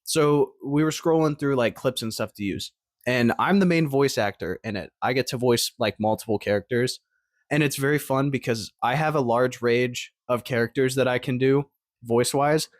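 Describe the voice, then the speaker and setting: A man's voice: medium pitch, moderate pace, no room sound, clean studio sound. A man of twenty telling stories to camera in a rambling, upbeat way, with lots of fillers and restarts. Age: 20s. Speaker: vlogger. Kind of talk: casual storytelling to camera.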